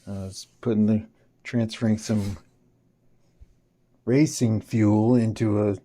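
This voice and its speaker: A man's voice: fairly low pitch, fairly even intonation, slow, mellow. A man vlogging, telling a rambling story in casual talk and swearing often.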